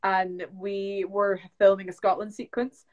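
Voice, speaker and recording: A young woman from the UK chats easily on a phone live stream. Her voice sits in a middle pitch, and she talks loosely, sprinkling "like" and "um" through her stories. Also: level tone, a little slow, a little mellow, dull audio. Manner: chatty, lots of "like" and "um" fillers. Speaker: actress guest. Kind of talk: casual live-stream chat. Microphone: phone on a video live stream.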